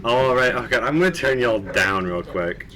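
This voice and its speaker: A man's voice: mid-range voice, moderate pace, pushed and bright, slight background noise, rough recording. A man reading fan fiction aloud on a live stream, with mocking asides, frequent laughter and swearing. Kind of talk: casual comedic dramatic reading.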